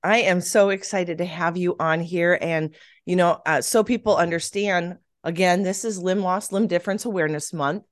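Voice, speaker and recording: A woman's voice: lowish voice, moderate pace. Eager chatty woman podcast host. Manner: eager, chatty, with many fillers. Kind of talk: casual interview chat.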